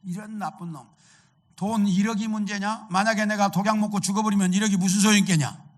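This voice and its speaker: Preacher doing a brash young guy in a sermon story, loud and excited, higher voice. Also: moderate pace, gravelly, exaggerated voice. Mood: angry. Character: reckless young man, hot-tempered then gleeful.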